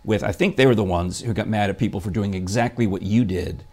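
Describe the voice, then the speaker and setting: A man's voice: lowish voice, quick pace, darkish tone. A man hosting a casual morning chat show, talking in a rambling, chatty way with lots of fillers and restarts. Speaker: show host.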